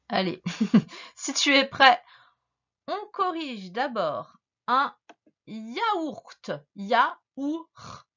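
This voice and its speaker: A woman teacher giving a slow dictation lesson to a young child, patiently stretching words and spelling them out letter by letter. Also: fairly high pitch, fairly bright tone, muffled recording.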